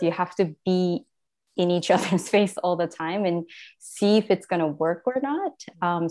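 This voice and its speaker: Her voice lowish and a little mellow, the same guest, a woman in her thirties from Japan whose first language is Japanese, speaks with a slight Japanese accent. She recounts her story in a relaxed interview, wandering through it with plenty of fillers and self-corrections.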